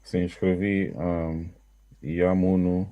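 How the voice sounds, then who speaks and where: A man student reading words aloud slowly and carefully during a language lesson. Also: sits low. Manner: slow, careful, flat. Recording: dull, muffled call audio.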